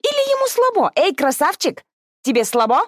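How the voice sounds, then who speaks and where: A woman's voice: sing-song, normal speed, dry recording, clean studio sound. A woman voicing a cheeky, petulant sixteen-year-old girl in an audiobook. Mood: cheeky, whiny. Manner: petulant, shrill outbursts.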